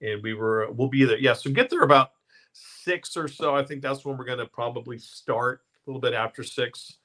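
A man's voice: mid-range voice, moderate pace, a bit bright. A man hosting a casual podcast live stream, chatty, with many fillers and self-corrections. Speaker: podcast host.

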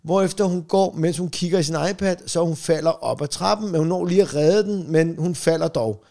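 Gravelly high-voiced middle-aged man telling stories. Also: mellow. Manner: acts out quoted family members, swears freely. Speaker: comedian podcast co-host. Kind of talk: casual chat, animated anecdote-telling.

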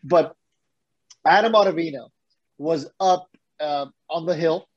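This sports podcast co-host has a fairly high, slightly rough voice and takes his time, though the audio sounds dull. He rants with real energy in a casual style, letting the occasional swear word slip.

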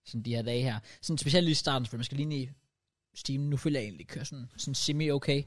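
A young man on a podcast, telling a story in lively casual chat and dropping English slang into his speech. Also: medium pitch. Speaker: podcast co-host.

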